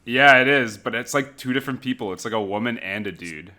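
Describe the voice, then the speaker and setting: A man's voice: on the low side, fast talker, a bit bright. A young man co-hosting a podcast in casual chat, hesitant and trailing off. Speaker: podcast co-host.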